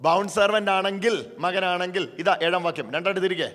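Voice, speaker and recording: Fervent high-voiced male preacher. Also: steady tone, fast talker, fairly bright tone. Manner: fervent, repeats phrases, calls for response. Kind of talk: sermon, Malayalam with English phrases. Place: church hall. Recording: reverberant church hall with music.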